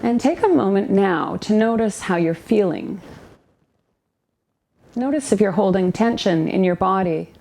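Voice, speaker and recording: Speaking as a yoga nidra guide and therapist, a woman with a mid-pitched, expressive, gravelly voice leads a relaxation practice. Like a meditation teacher, she gives soft, calming directions with unhurried gaps between phrases.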